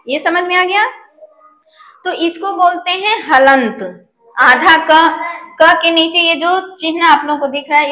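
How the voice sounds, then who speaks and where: High, slow-speaking woman teaching. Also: sharp tone. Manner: patient, checks understanding often. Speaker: Sanskrit teacher. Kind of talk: slow classroom lesson. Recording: echoey room.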